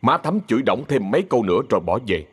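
A man with a Southern Vietnamese accent narrating a ghost story in a lively, expressive way. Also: on the low side, quick pace, husky.

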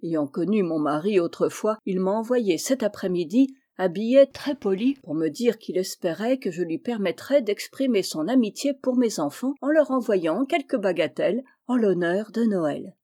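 A woman reading the part of a kind mother of four daughters, calm and reassuring. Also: medium pitch, moderate pace, hardly any pauses, lightly acted. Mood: gentle.

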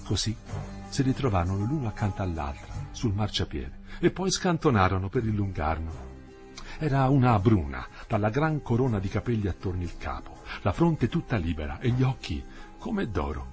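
A man reading a novel aloud in a measured, expressive storytelling manner. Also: lowish voice, faint music behind. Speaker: audiobook narrator. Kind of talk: literary audiobook reading.

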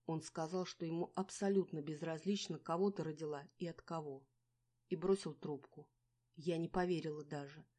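A woman reading a storybook aloud, voicing a blunt, protective young woman friend who scolds loudly. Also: low voice, steady tone, normal speed. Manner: loud and scolding.

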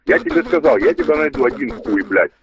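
Angry guy on the phone, gravelly voice, pitch swinging all over, muffled line with chatter behind. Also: lively intonation, a little fast. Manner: aggressive, threatening, swearing, stammering. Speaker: debt collector on the phone.

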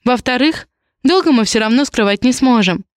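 A woman voicing a petite young heroine who speaks shyly and softly, yet holds her ground firmly and calmly. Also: fairly high pitch, moderate pace, no echo, clean studio sound, voice pushed up, lightly acted. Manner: soft, shy, then firmly insistent. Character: young woman, small, stubborn, calmly firm.

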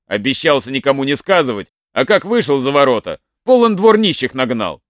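A man's voice: mid-range voice, very animated, brisk, no room sound, studio quality, close to an everyday voice. A man doing a fretful old peasant father. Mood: grumbling.

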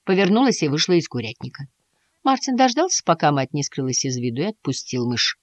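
A woman narrating a children's audiobook with an expressive, lively reading. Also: low voice, a little fast, no room sound. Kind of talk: storybook narration.

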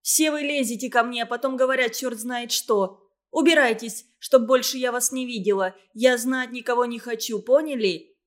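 A woman's voice: on the high side, normal speed, natural voice. Woman voicing a defiant, proud young woman. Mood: angry. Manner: sharp, stubborn.

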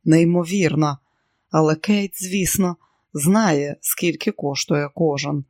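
An audiobook narrator reads with dramatic expression in a middle-pitched voice. The sound is dry and close to the mic. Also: slow, darkish tone, dry recording.

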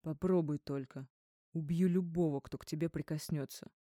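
A woman's voice: fairly low pitch, moderate pace, warm tone, dry recording, clean studio sound, natural voice. A woman voicing a drunk, jealous man who barks threats in an audiobook. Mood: jealous rage. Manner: barking, threatening.

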